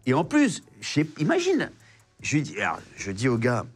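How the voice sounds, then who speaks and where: Animated male comedian telling a story. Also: medium pitch, normal speed, slightly rough, faint music behind. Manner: animated, acts out voices and sounds, many fillers. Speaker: comedian guest. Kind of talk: casual storytelling chat.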